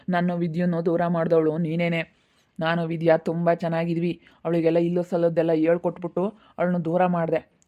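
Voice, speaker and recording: A woman's voice: lowish voice, dull audio, close to an everyday voice. A woman with a Chitradurga Kannada accent playing a bitter captor who scolds and taunts her prisoner. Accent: Kannada, Chitradurga region. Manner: scolding, taunting, flat threats. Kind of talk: amateur village drama.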